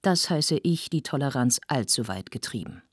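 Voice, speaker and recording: A woman's voice: a bass voice, animated, moderate pace, husky, no echo, studio quality, full character voice. A woman reading a novel aloud, voicing a snobbish society wife who speaks in a haughty, sniffy way. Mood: snooty.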